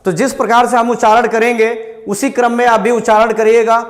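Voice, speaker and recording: A man's voice: very high-pitched, little pitch movement, brisk, in a large hall. A male teacher giving a classroom lesson, asking questions and answering them himself and drilling sounds aloud for students to repeat. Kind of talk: classroom lesson on vowel pronunciation.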